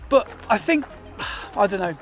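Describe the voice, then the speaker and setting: A man's voice: high-pitched, animated, unhurried, fairly bright tone, soft background music. A British man vlogging while running, tired and a bit dizzy, talking candidly and with self-deprecation. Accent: British English. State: tired and dizzy mid-run. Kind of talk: casual vlog narration.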